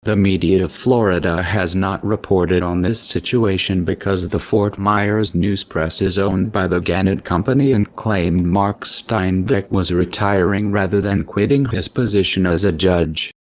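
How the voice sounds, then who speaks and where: Reading from a script, the man speaks through a deep, computer-altered disguise. The pace is slow, the tone a threatening monotone.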